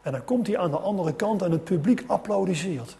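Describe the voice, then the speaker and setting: A man's voice: high-pitched, lively intonation, fairly quick, gravelly, dark tone. Dutch-speaking male preacher telling a story. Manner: storytelling, with many restarts and rising emphasis. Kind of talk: sermon.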